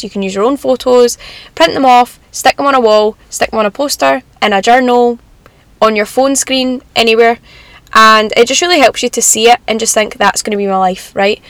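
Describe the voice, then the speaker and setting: Upbeat high-voiced young Scottish woman. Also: fairly bright tone, no echo. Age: young adult. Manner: upbeat, encouraging, chatty advice-giving. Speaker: self-help vlogger. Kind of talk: casual motivational advice chat.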